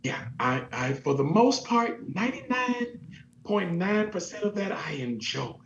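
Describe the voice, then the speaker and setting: A man who works as a DJ and MC, telling stories in a relaxed, expressive way during an interview. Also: on the high side, a little slow. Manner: easygoing, expressive, laughs while telling stories. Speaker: DJ and MC, event entertainer. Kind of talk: casual interview storytelling. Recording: echoey, dull lo-fi sound with faint hum.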